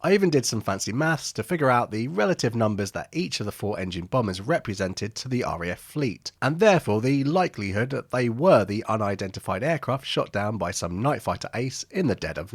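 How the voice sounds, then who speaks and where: Male voice-over narrator, wry asides, husky tone, dry close mic. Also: medium pitch, no room sound. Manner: wry, jokey asides between statistics. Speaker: aviation history narrator. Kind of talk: scripted documentary narration.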